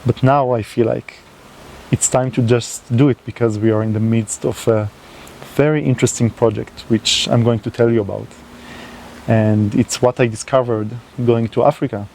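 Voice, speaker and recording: Here a non-native English speaker hosting his own channel chats unscripted to the camera at a moderate pace. His mid-range voice is fairly even in intonation, a little mellow, with vocal fry. He stumbles through fillers and restarts, and there's slight background noise.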